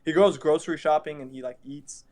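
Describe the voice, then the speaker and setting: A man's voice: on the high side, steady tone, a little fast, a little mellow. A young man in casual chat as a content creator, blunt and emphatic, repeating himself for stress.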